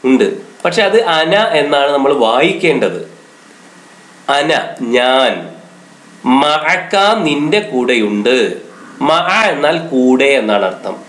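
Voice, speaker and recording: A man teaching a children's Arabic lesson, explaining slowly word by word and asking the pupils questions. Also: mid-range voice, lively intonation, a bit bright. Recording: echoey room.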